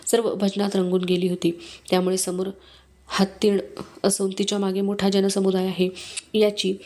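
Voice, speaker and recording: A woman reads a devotional story aloud in a measured, steady storytelling voice. Her pitch sits in an ordinary middle range. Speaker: book reader. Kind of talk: reading a devotional book aloud.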